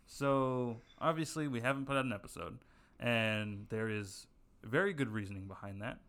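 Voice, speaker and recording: With a medium-pitched, fairly bright voice at normal speed, a young podcast co-host spins a long story in casual conversation. His storytelling rambles, heavy with fillers and restarts.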